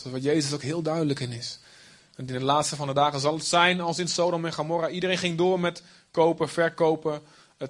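A man's voice: a little high, a bit bright. A man preaching a sermon, explaining the text in plain everyday speech with asides.

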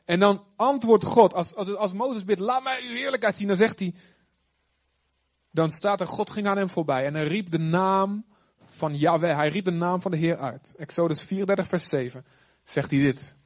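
A man preaching a sermon in a lively, conversational way with chatty asides. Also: sits high, normal speed, muffled recording. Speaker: pastor.

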